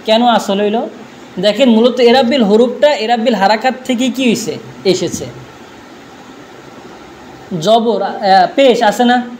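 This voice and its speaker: A man's voice: very high-pitched, slow pace, pauses often, darkish tone, slight background noise. A man teaching a grammar lesson, drilling his students with repeated questions and answers, speaking.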